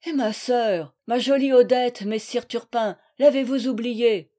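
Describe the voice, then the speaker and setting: A woman's voice: fairly high pitch, a little slow, dark tone, close to an everyday voice. A woman voicing an anxious, earnest young male Huguenot prisoner in an audiobook reading.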